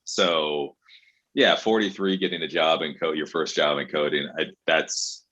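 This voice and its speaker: Blunt, foul-mouthed host with a low husky voice. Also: male voice, fairly even intonation, a little slow, fairly bright tone, lo-fi sound. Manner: blunt and profane, swears freely. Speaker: host of an open mic call-in show. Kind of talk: casual chat. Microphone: video call.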